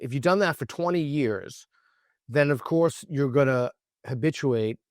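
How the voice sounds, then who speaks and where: A man speaks as an interview guest in an earnest, argumentative way, stopping and restarting his sentences as he builds a point. His voice sits at an ordinary middle pitch. The recording is dry, with no room sound. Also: no room sound. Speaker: guest author. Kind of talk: interview conversation.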